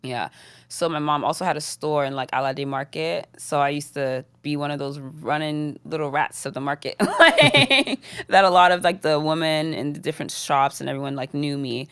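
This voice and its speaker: This guest rapper is a young woman in her twenties from the United Kingdom, chatting informally in an interview with frequent laughter and fillers like "like" and "um." She speaks at a moderate pace in a low, slightly bright voice that is clear and resonant, with no echo.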